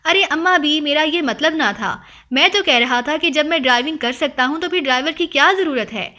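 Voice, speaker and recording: A woman's voice: high voice, pushed and bright. A woman voicing a teasing mock-serious young man.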